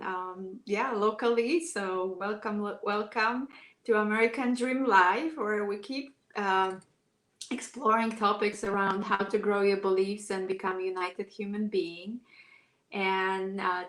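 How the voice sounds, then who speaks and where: A woman's voice: mid-range voice, a bit bright. A woman hosting a live-streamed interview show, speaking hesitantly with many fillers over a video call. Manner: halting, many fillers and restarts. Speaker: show host. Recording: echoey room.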